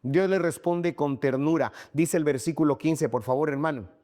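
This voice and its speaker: A man's voice: a little high, moderate pace, a little mellow. A man preaching a sermon, addressing the congregation as brother and asking rhetorical questions. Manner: emphatic, repeatedly addresses "hermano", asks rhetorical questions. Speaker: pastor.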